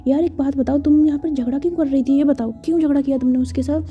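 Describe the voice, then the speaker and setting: A level-headed young woman friend who questions and keeps the peace is voiced by a woman storyteller. She speaks high and fast, in a mellow tone. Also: steady tone, lo-fi sound, faint music behind, close to an everyday voice. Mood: probing.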